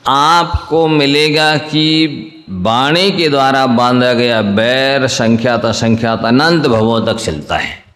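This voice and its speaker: Male monk preacher, unhurried sermon delivery, repeats phrases, echoey reverberant hall. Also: mid-range voice, fairly bright tone. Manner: slow, deliberate, repeats key phrases.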